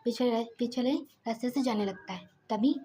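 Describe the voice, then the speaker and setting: A woman tells a romantic story in a casual, soft voice that often drops to a half-whisper. Her voice is fairly high but mellow. A faint hum sits behind her. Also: normal speed.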